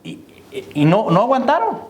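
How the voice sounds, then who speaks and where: Man, pastor, high voice, sermon in a reverberant church. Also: huge pitch swings, moderate pace. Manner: preaching to the congregation, repeating "hermano" and "¿me entiende?". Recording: echoey church hall.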